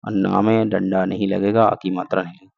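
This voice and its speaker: A man's voice: low-pitched, little pitch movement, fairly quick, creaky. A man teaching an exam-prep grammar lesson, explaining step by step and answering his own questions. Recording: dull lo-fi recording.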